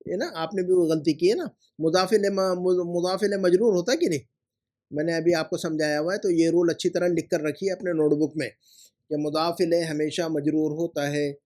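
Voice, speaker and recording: A man's voice: a little high, a little mellow. A male language teacher, correcting homework and repeating grammar rules in a patient, explanatory way. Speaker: Arabic teacher.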